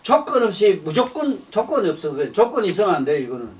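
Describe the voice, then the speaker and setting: An older man preaches, his voice pitched high for a man. He rants bluntly, cursing and circling back over the same words. He sounds set back from the microphone. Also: big pitch swings, fast talker, a little mellow, far from the mic. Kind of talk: sermon.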